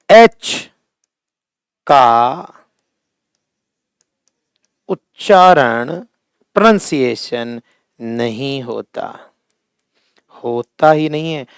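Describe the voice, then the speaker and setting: A man's voice: medium pitch, creaky, smooth, no echo, studio quality. A middle-aged man teaching a classroom lesson at a board, speaking with a Hindi accent, drawing out words to stress how they sound and calling his students fondly by family terms. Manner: slow, emphatic, drawn-out words when stressing pronunciation; addresses students fondly as "beta" and "bhaiya".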